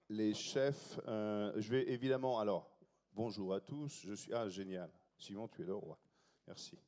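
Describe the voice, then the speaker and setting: A man introducing chefs on a festival stage, talking in a hurried, improvised way with many restarts. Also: on the low side, warm tone. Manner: hurried, improvising, self-interrupting. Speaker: festival panel host.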